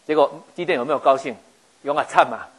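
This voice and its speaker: A middle-aged man preaching with a Taiwanese Mandarin accent and a voice of ordinary middle pitch. He retells old stories in a loose, chatty way. He jokes as he goes and acts out the speakers he quotes. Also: fast, breathy edge. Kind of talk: lively sermon retelling Bible stories.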